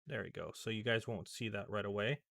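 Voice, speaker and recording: Halting, gravelly man narrating a screen recording. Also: on the low side, fairly bright tone, dry recording. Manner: rambling, halting, many fillers and restarts. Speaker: tech vlogger. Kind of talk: casual screen-recording commentary.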